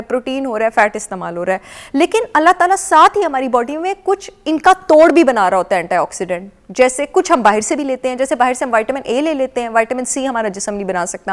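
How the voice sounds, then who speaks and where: A woman with a Pakistani accent, a nutrition expert guest on a TV morning show, lecturing with emphatic repetition and English phrases mixed in. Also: sits high. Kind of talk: explanatory talk-show chat. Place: television studio.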